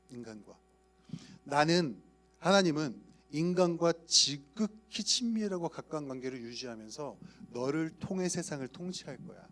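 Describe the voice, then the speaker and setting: Playful, animated male preacher. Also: fairly high pitch. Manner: playful, asks the audience questions. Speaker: youth pastor. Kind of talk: sermon to young adult leaders.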